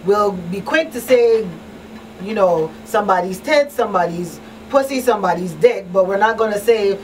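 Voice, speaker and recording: A woman hosts a talk show with a mid-range, lively voice at normal speed, speaking conversationally, emphatically, and plainly while repeating key phrases. The mic is distant, with faint noise in the background.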